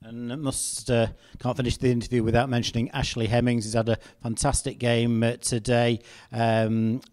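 Chatty club TV interviewer. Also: male voice, medium pitch, little pitch movement, normal speed, darkish tone. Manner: chatty, commentary-like phrasing. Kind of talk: post-match interview questions.

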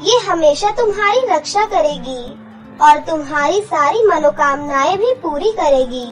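A woman's voice: high voice, expressive, measured pace, soft background music. A woman voicing a loving magical mother in a cartoon story, tender but stern. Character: loving ghostly mother, gentle but vengeful.

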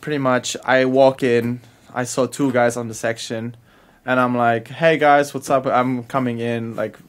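A man's voice: mid-range voice, little pitch movement, unhurried. A man from Hamburg speaks, a chef in his thirties recounting his travels on a podcast. He talks in loose, slangy bursts, laughs through his stories, and swears without a second thought. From Hamburg, Germany. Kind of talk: casual storytelling.

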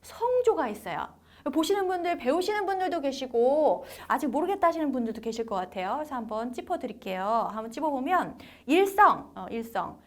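Brief: young female language teacher, high and lively pitch, warmly encouraging, demonstrates tones. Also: a little fast, few pauses. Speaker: Chinese teacher. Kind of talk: lively language lesson for beginners.

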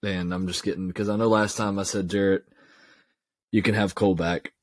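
A man's voice: sits low, little pitch movement, brisk, no room sound. A man, co-hosting a podcast in casual, enthusiastic, folksy chat. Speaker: podcast co-host.

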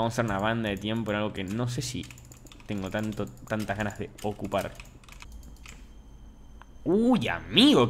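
A man's voice: fairly low pitch, a little hiss or hum. Joking young Argentine man streaming games. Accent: Argentine Spanish. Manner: joking, banters with chat, swings between mumbling and shouting. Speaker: Minecraft streamer. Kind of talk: casual gaming stream chat.

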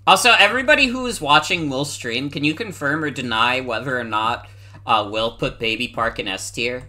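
A game streamer chatting casually and commenting live in an animated, exclamatory way, with some swearing. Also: medium pitch, normal speed, faint music behind.

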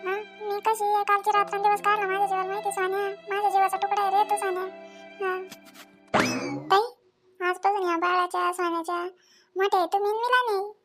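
A woman's voice: very high-pitched, flat delivery, brisk, long pauses, music in the background. A woman voicing a protective young village mother who pleads tearfully. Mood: remorseful. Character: protective young mother, suspicious then remorseful.

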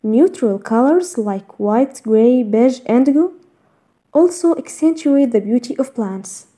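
A woman reading a scripted voice-over in a measured, even list-reading way, narrating step-by-step tips. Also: on the high side. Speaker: narrator of a garden design slideshow.

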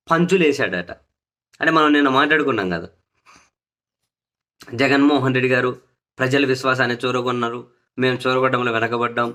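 A man's voice: fairly high pitch, fairly bright tone. A man delivering opinionated political commentary, sarcastic and indignant, hammering points home by repeating phrases.

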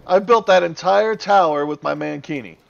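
A man with a high-pitched, fry-tinged voice hosts a multiplayer let's play at normal speed, joking with friends and yelling at the game as he goes. The casual gameplay chat sounds dull, with a little hiss or hum.

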